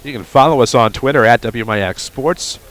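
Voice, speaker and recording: A man does radio play-by-play for a high school basketball game, quick and full of wry asides, his voice a bit bright. He's calling it from a gymnasium with faint noise in the background.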